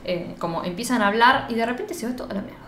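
A woman with an Argentine accent, excitedly recapping a series in casual, slangy chat. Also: a little high, fast talker. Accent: Argentine Spanish. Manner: animated storyteller, slangy and swearing. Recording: echoey room with faint noise.

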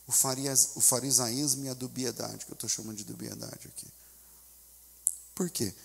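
Gravelly Brazilian pastor preaching in a hall. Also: male voice, mid-range voice, fairly even intonation, normal speed. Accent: Brazilian Portuguese. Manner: swings from quiet asides to loud, preaching shouts; acts out voices of church members and a desperate mother. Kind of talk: sermon.

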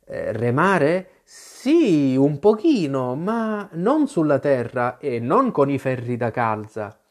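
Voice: mid-range voice, big pitch swings, slow, a little mellow. A reader voicing a polite, curious little girl in a storybook reading. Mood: earnest. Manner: polite and earnest.

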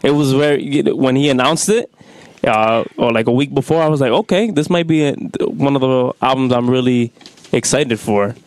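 A man co-hosting a relaxed group podcast, wandering through his thoughts with easy restarts. His voice sits mid-range and dry, close to the mic. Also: mid-range voice, normal speed, dry recording. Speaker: podcast co-host. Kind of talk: casual chat.

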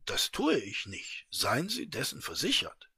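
Man as formal, offended traveler in a storybook, husky, slow and deliberate. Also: mid-range voice, huge pitch swings, bright, forceful tone, dry recording, clean studio sound, exaggerated voice. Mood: indignant. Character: indignant, polite male traveler.

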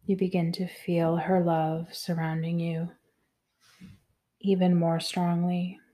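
Slow, soft-voiced woman guiding a meditation. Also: lowish voice, flat delivery. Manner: soft, slow, soothing, often whispered. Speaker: meditation guide. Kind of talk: guided meditation.

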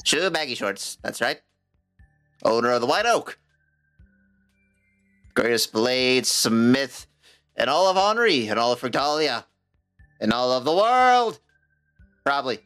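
A man's voice: medium pitch, very animated, measured pace, pauses often, fairly bright tone, soft background music. A man voicing a jovial, boastful male gnome blacksmith in a tabletop game. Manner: cheerful, bragging, playful. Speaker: game master voicing a shopkeeper.

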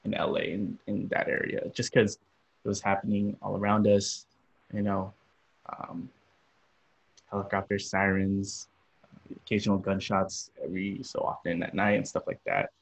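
A young man from Los Angeles, a podcast guest, talking about his upbringing in a relaxed, rambling way with many fillers. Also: sits low, normal speed, vocal fry, breathy edge. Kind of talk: casual interview. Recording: dull lo-fi audio.

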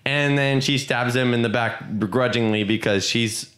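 A man's voice: medium pitch, normal speed, reverberant. A man co-hosting a podcast, recapping a film in a loose, joking way and acting out the characters in silly voices. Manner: animated, laughing, acts out characters in silly voices. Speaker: podcast co-host. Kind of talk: casual movie recap.

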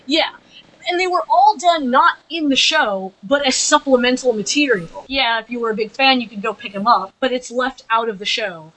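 A woman co-hosting a podcast, giving her opinions in a measured, analytical way during a casual review discussion. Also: high-pitched, a bit bright, rough recording. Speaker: podcast co-host.

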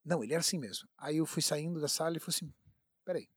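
A man's voice: fairly high pitch, racing, breathy edge, dry recording, clean studio sound. A man with a Brazilian Portuguese accent telling an emphatic personal story in a casual talk.

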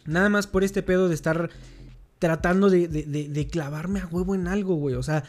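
High-voiced slangy Mexican guy. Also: steady tone, moderate pace. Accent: Mexican Spanish. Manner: slangy, storytelling, lots of filler words. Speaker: podcast host. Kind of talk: casual chat.

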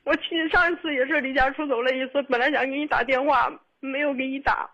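A woman of twenty-two calling a radio show, upset and tearful, speaking in halting, repetitive bursts. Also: sits high, steady tone, pushed and bright, lo-fi sound. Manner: halting, repetitive, restarts often. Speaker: caller. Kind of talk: radio call-in.

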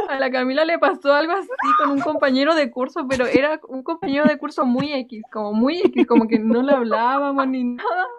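A young woman co-hosting a casual podcast, telling animated stories about school days. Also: high voice, fairly quick, a loud crowd. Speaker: podcast co-host. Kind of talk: casual chat. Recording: slightly dull lo-fi sound.

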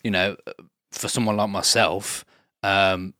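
A man hosting a podcast interview in a relaxed, jokey way, swearing casually. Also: low voice, takes it slowly, no echo, studio quality. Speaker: podcast host.

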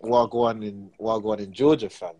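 A man's voice: on the low side, fairly even intonation, normal speed, over music, rough recording. A young man with a London accent co-hosting a casual chat, talking in roadman slang. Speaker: podcast co-host. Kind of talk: casual banter.

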